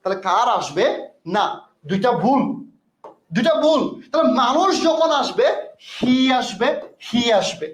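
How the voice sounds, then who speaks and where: A man's voice: very high voice, very animated, a little slow, roomy sound. A man teaching an English class to students, coaxing and repeating himself. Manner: repetitive, coaxing teacher talk. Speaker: English tutor. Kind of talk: online class lecture.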